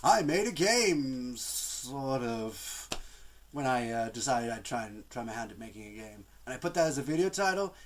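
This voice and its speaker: A man's voice: mid-range voice, normal speed. A man with a cold, chatting casually to camera as a gaming vlogger in a rambling, exasperated way. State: has a cold, coughing. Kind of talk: casual vlog chat to camera.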